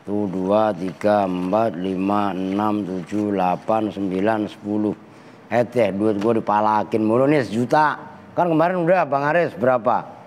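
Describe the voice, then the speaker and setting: A kyai with a Betawi Jakarta Malay accent teaches Arabic grammar to students in a casual, slangy manner, teasing and bantering through the lesson. His voice is fairly low and darkish, at normal speed, recorded in a reverberant hall with faint background noise.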